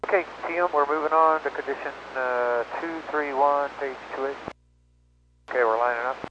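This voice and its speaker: A man speaks over a crackly walkie-talkie style radio with a dull, lo-fi signal and clear background noise. His mid-pitched voice gives clipped, procedural test updates with some hesitation. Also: normal speed. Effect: crackly two-way radio. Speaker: test pilot.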